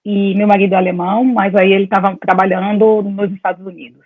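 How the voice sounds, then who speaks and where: A dentist in her forties from Salvador, Brazil, appears as an interview guest on a video call, chatting casually and telling her story in a rambling, talkative way. Her mid-range voice is fast and flat in delivery, without echo. The audio is dry and tinny, like a phone call.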